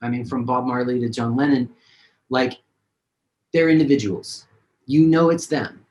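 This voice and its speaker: A man's voice: mid-range voice, normal speed, a little mellow, highs cut off. A man, a singer-songwriter, talking casually and rambling with many fillers in a video-call interview.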